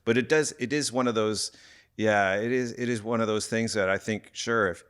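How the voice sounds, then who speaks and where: A man's voice: lowish voice, normal speed, fairly bright tone, clean tone. A man hosting a podcast interview, asking long, searching questions. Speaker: podcast host.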